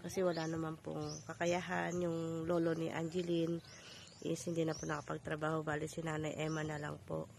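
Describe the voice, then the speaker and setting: A woman's voice: sits low, completely flat delivery, brisk, gravelly, a little mellow, slight background noise. A woman vlogger politely narrating on location, explaining what she shows like a tour guide. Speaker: charity vlogger. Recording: crowd chatter in background.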